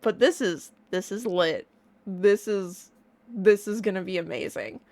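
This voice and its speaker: Casting: woman, online reaction streamer, casual excited chat, playful and enthusiastic delivery, mid-range pitch. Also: measured pace. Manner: bubbly, playful, gushing enthusiasm.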